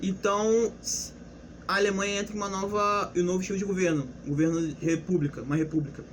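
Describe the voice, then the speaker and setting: Speaking quickly in a high voice with fairly even intonation, a young history presenter delivers a casual, unscripted lesson. He restarts often and asks rhetorical questions, and a little hiss or hum runs through the audio.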